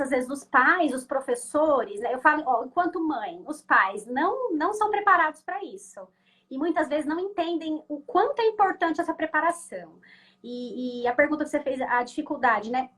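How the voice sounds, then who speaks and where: A woman's voice: high-pitched, animated, normal speed, fairly bright tone. A woman with a Brazilian Portuguese accent, a guest educator teaching conversationally, who often adds tag questions and acts out the voices she quotes. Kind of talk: conversational teaching in an online class.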